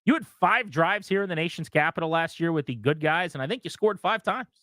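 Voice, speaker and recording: A man's voice: a little high, lively intonation, fairly quick, sharp tone, no room sound. A man hosting sports talk radio, giving opinionated commentary and talking straight to his listeners from a studio.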